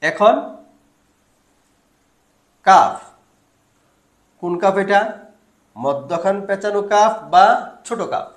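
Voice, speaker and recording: High-voiced man teaching slowly in an echoey room. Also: animated. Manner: asks questions and answers them himself, drawing out syllables. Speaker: Quran reading teacher. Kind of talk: step-by-step lesson.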